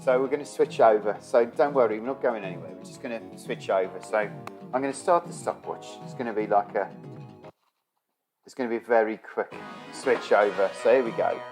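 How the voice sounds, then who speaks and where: A man's voice: medium pitch, brisk, a little mellow, poor audio. A man streaming a game from his bedroom, chatting casually, swearing a lot and grumbling at the game. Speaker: gaming streamer. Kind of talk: casual gameplay commentary. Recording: game music playing underneath. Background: game music.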